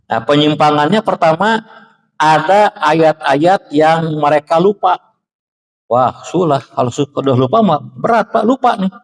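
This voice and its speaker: A man with a Sundanese accent giving a conversational religious lecture in a mosque, often addressing the listeners directly and reciting verses slowly. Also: a little high, lively intonation, in a large hall. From Indonesia. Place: mosque hall.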